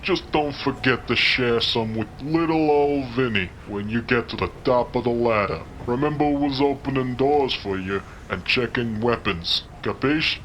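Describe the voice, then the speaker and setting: A man's voice: mid-range voice, measured pace, few pauses, a bit bright, a little hiss or hum, natural voice. A man playing a chummy, dim but friendly street-tough doorman in a noir audio drama, talking in rambling slang. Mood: breezy, teasing. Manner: slangy, rambling wise-guy talk.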